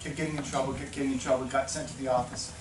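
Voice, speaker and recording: A man's voice: medium pitch, flat delivery, very fast. A man giving a passionate motivational talk to new teachers, telling stories and building to emphatic peaks. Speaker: teacher orientation speaker. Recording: echoey room, speaker far from mic, noisy.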